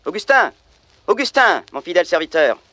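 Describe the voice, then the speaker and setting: An actor playing a gallant young prince in a storybook recording, speaking in a courtly, declamatory way. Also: male voice, fairly high pitch, big pitch swings, moderate pace, fairly bright tone, dry recording. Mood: commanding. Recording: music playing behind. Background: background music.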